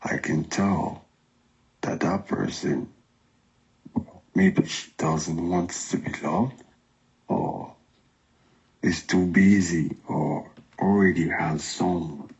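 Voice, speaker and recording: A man speaking through a voice changer on a call, defensive and halting as he pleads his case. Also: animated, darkish tone. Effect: voice changer, unnaturally deep and gravelly. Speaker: caller in an online romance. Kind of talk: phone call. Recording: dull lo-fi call audio.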